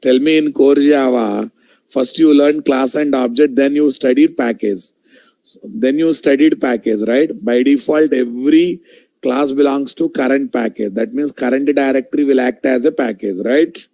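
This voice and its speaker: A male programming instructor with a Telugu Indian accent leads a live online lesson. His voice is mellow and gravelly, caught dry and close. He repeats himself for emphasis and keeps putting questions to the class. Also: mid-range voice, normal speed, dry recording. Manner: repeats phrases, checks in with questions, addresses students directly.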